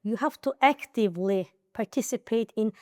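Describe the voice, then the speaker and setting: Talking at normal speed in a voice on the high side, this interview guest is a young woman from Azerbaijan's Nakhchivan region who scored highly on the IELTS. In a casual conversation she gives earnest study advice, her English carrying a Nakhchivan accent and many fillers and restarts. The studio sound is clean, with no room sound.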